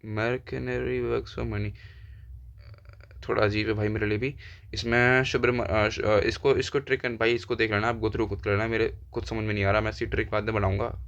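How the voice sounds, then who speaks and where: A man's voice: on the low side, little pitch movement, fast talker, a bit bright. A young man teaching an exam-prep lesson in casual chat, thinking aloud and repeating keywords again and again. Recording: dull lo-fi sound.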